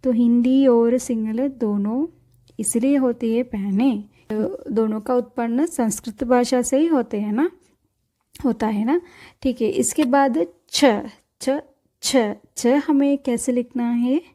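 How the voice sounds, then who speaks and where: Woman, patient teacher, repeats letters, high-ish mellow voice. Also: unhurried. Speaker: language teacher. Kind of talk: step-by-step writing lesson.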